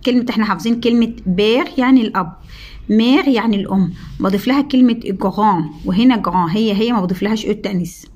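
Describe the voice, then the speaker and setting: A woman with an Egyptian Arabic accent giving a French review lesson, drawing out the French words slowly and repeating them. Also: medium pitch, a little mellow. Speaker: French teacher.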